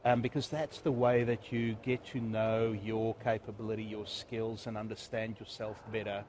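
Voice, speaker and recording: A man giving measured, reflective interview answers as a business guest, building his points in short lists. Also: lowish voice, flat delivery, darkish tone. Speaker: interview guest, networking sales leader. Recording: faint background noise.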